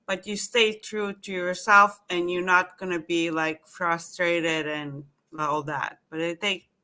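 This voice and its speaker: A young woman hosting an interview, thinking aloud with many pauses and fillers while she looks for her words. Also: lowish voice, fairly even intonation, bright, forceful tone. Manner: fills with "like", searches for words. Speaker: host.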